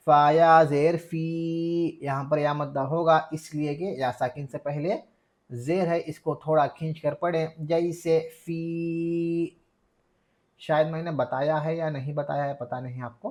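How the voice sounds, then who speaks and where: A man teaching a beginners' Quran reading lesson, stretching out each syllable slowly and then explaining quickly, patiently repeating his corrections. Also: on the high side. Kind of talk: slow spelled-out reading lesson.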